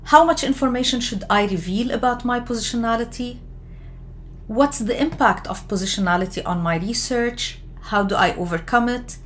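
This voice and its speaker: Measured woman explaining research, from Lebanon. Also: on the high side, a little hiss or hum. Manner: measured, with frequent fillers and self-corrections. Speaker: education lecturer. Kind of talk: explanatory lecture.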